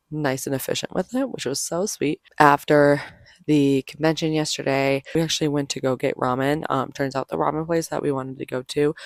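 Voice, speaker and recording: A vlogger talks in a loose, rambling, chatty way, full of "like". The voice is hoarse and tired-out, with heavy fry, sitting at a middling pitch. The sound is dry, with little room around it. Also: no echo. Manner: rambling, frequent "like". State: hoarse, voice gone. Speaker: vlogger, convention artist. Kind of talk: casual vlog chat.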